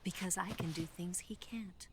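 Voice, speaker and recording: A woman's voice: on the low side, steady tone, normal speed, lightly acted. Eva, a woman as a cool spy amid noise. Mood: teasing, confident. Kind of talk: cinematic video game acting.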